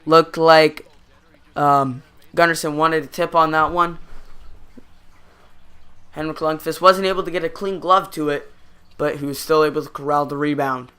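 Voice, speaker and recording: High, crisp-voiced man calling hockey. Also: normal speed, long pauses. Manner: excitable broadcaster-style calls, erupting on goals. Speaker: gaming channel host. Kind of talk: play-by-play hockey commentary over a video game.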